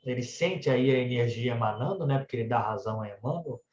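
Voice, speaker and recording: Here the spiritist centre speaker talks fast, his medium-pitched voice a little mellow. He has a Brazilian Portuguese accent and tells religious stories conversationally, often ending phrases with "né." The room is echoey and the sound dull and muffled.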